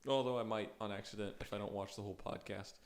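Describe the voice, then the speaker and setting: A man's voice: on the low side, steady tone, quick pace. A young man co-hosting a podcast in casual chat, joking and laughing often. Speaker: podcast co-host.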